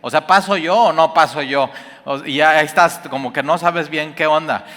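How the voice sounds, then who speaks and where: A man with a Mexican Spanish accent preaches a sermon with a bright, forceful tone. He tells stories with animated emphasis and sometimes shouts. His voice rings with a long hall reverb. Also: on the high side, normal speed. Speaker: pastor.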